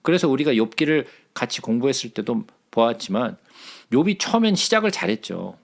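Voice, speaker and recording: A man's voice: mid-range voice, big pitch swings, brisk, gravelly. A man teaching a Bible study in a conversational way, often checking in with his listeners with short questions.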